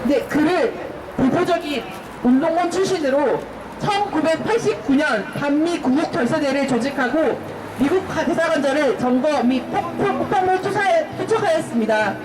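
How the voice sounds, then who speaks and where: Fiery political rally orator, high-pitched and declamatory, recorded at a distance amid crowd and music. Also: expressive, moderate pace, background noise. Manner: declamatory, rallying the crowd with rhetorical questions and chants. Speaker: protest rally speaker. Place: public protest rally. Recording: echoey loudspeaker, distant mic, crowd and music.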